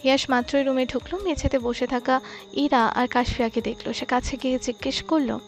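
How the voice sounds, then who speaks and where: High-voiced woman narrating a love story. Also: fairly even intonation, brisk, faint music behind. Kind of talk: scripted narration.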